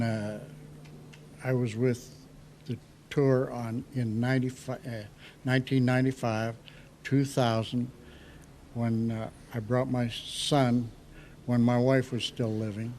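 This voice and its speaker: An American man in his eighties, an old war veteran remembering his service in a halting, reflective interview. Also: medium pitch, a little mellow, a little hiss or hum. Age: 80s. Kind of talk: recounting war memories in an interview.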